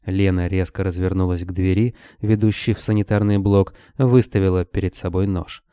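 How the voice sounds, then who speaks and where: A male audiobook narrator telling a dark fantasy tale in a steady way. His voice is low and dark, with a mellow tone. The recording is dry and close to the mic. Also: moderate pace, clear, resonant tone, no echo.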